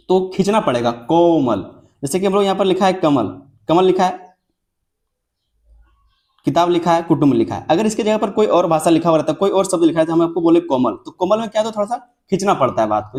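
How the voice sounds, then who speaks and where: Young man, high voice, lecturing, repeats himself, stretches example words. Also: darkish tone. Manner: repetitive, drawn-out example words with frequent checks like "theek hai". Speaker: teacher. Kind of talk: classroom lecture.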